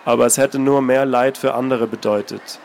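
A man reading aloud and voicing a mysterious, weary old man with a low, rustling voice. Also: steady tone, moderate pace, vocal fry, darkish tone, a little hiss or hum, close to an everyday voice.

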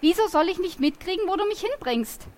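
A woman reading aloud from a storybook, voicing a defiant, quick-tongued teenage girl. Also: very high voice, expressive, a little mellow, voice pushed up.

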